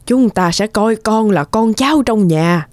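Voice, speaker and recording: A woman voicing a kind old farmer's wife in a cartoon, fussing warmly. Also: medium pitch, lively intonation, measured pace, close to an everyday voice. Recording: cartoon with music behind.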